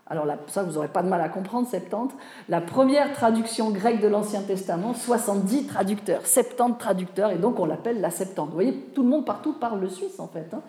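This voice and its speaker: A woman lectures to a class in a mellow, warm voice, chatty and engaging, forever checking that her listeners follow and putting questions to them. The sound is roomy, with a clear echo off the walls. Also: medium pitch, animated, brisk. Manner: conversational, often asks listeners questions and checks with "vous voyez", "hein". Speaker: Bible teacher. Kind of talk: live lecture with audience questions.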